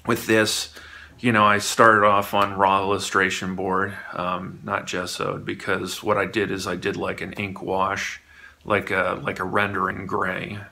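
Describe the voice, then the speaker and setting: Gravelly man explaining casually. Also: deep voice, monotone, unhurried, pushed and bright. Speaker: illustrator, guest.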